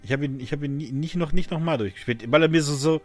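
A man's voice: fairly high pitch, fast, darkish tone. Man, podcast host, casual chat, lots of fillers, faint music behind. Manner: rambling, many fillers and restarts; laughs often.

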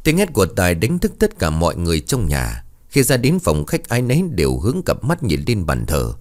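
A man narrating a ghost story in a dramatic, animated way. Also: low voice, fairly quick.

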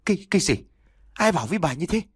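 Guy playing a cranky old dad in a storybook, scoffing, pitch jumping all over. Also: big pitch swings, quick pace, no echo, studio quality. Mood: irritated. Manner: snapping, scornful. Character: gruff, irritable older village father.

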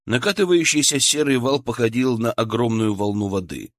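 Mid-pitched male audiobook narrator. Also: expressive, no echo. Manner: measured, dramatic storytelling. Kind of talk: scripted narration.

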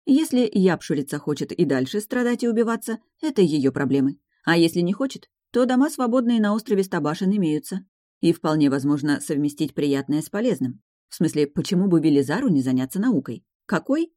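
Rich: A woman narrates a fantasy romance audiobook in calm, measured storytelling. Her voice is low and mellow. The recording is close and dry. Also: no room sound.

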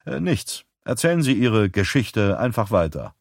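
A man's voice: on the low side, lively intonation, normal speed, no room sound, studio quality. A man doing a smug, mocking investigator. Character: smug, dismissive male investigator.

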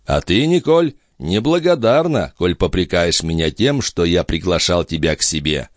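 A man's voice: sits low, lively intonation, moderate pace, dry recording, studio quality. A man voicing a worldly old duke who speaks with teasing, condescending irony. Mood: ironic. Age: older. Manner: ironic, condescending.

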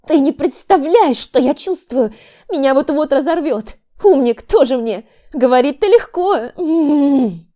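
A woman's voice: high voice, animated, drawn-out words, mellow, voice pushed up, exaggerated voice. Woman voicing Vika, a frightened young mother in labor. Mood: angry pain. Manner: strained, tearful and pleading.

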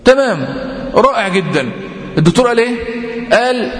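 An Egyptian man teaches a tajweed lesson in a high, clear voice. He explains patiently, repeats his points and stretches out example words slowly. The sound rings in a roomy space with a long, trailing reverb. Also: expressive. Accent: Egyptian Arabic. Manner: patient, repetitive explaining, drawn-out example readings. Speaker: Quran recitation teacher. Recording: echoey room with long reverb.

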